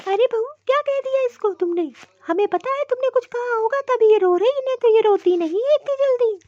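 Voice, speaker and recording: A woman's voice: very high-pitched, brisk, dark tone, no echo, muffled recording. A woman doing a bossy cartoon mother-in-law. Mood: scolding. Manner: scolding, commanding. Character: bossy older mother-in-law, sides with her daughter. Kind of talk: cartoon voice acting.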